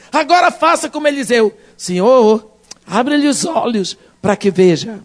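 A man preaching a sermon, swinging dramatically between shouts and hushed asides. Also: very high-pitched.

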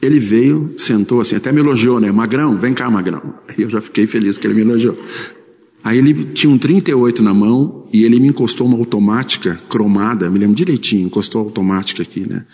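A man's voice: medium pitch, fast, darkish tone, big-room sound. A man preaching a sermon, telling a personal story in a conversational way with frequent tag questions.

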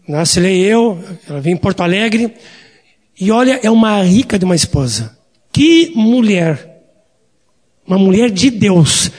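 A man's voice: high-pitched, a little mellow, breathy edge, big-room sound. A male pastor, preaching a sermon in a folksy storytelling way and often addressing the congregation as dear ones.

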